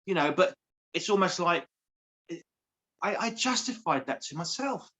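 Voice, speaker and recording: A man's voice: sits high, lively intonation, moderate pace, pushed and bright. A man, a coach speaking earnestly as an interview guest, repeating phrases for emphasis. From England. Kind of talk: heartfelt interview.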